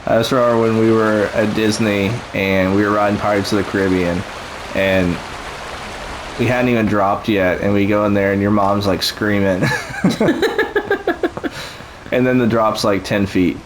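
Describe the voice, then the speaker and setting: A man's voice: fairly low pitch, steady tone, moderate pace, pauses often, noisy background. A man chatting casually and encouragingly as he tours a theme park build, rambling with fillers. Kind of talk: casual chat over gameplay.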